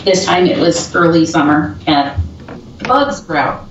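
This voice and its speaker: A woman's voice: deep voice, expressive, measured pace, faint music behind. A woman, a paranormal investigator, telling stories in a casual chat over a video call. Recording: echoey, distant, dull remote audio.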